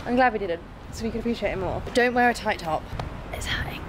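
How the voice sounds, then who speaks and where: A woman's voice: mid-range voice, fast talker, echoey room, noisy background. A young British woman from the UK, chatting enthusiastically through a travel vlog with lots of "like" fillers. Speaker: travel vlogger. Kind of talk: casual travel vlog chat.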